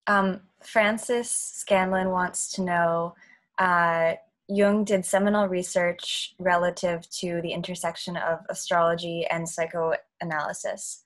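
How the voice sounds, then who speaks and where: Young woman reading questions, lowish voice. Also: little pitch movement, slow. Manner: reads questions aloud. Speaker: Q&A moderator. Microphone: video call.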